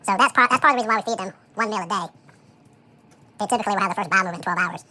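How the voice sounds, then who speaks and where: Chipmunk-effect voice, sped up; relaxed home cook narrating a task, very fast, bright. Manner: relaxed, thinks aloud with frequent "um" and "so". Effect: sped-up chipmunk voice, high and fast. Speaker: home cook preparing dog food. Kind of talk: casual how-to commentary while working.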